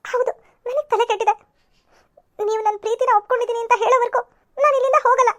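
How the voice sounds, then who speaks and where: A woman's voice: very high voice, steady tone, fast talker. A woman voicing a stubborn, lovesick young woman in an amateur cartoon serial, pleading and often tearful.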